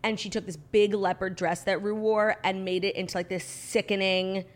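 A woman's voice: medium pitch, fairly even intonation, moderate pace. A woman co-hosting a casual chat podcast, talking in a bubbly, effusive sorority-girl way with dramatic exaggeration and lots of "like" and "literally". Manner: dramatic, hyperbolic. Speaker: podcast co-host.

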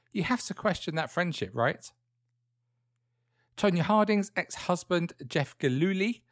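A man's voice: a little high, no echo. British man, true crime narrator, dry close sound. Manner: conversational, dryly wry asides addressed to the listener. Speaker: podcast host.

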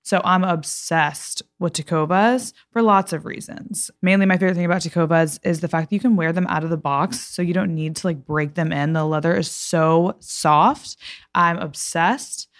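A woman's voice: on the low side, normal speed, dry recording, studio quality. A young woman hosting a podcast, talking casually and emphatically with lots of "like". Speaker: podcast host. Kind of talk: casual podcast chat and read ad.

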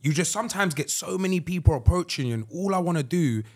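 A man's voice: on the high side, lively intonation, fast. A young man with a London accent in casual chat, using slang and often seeking agreement from his listeners.

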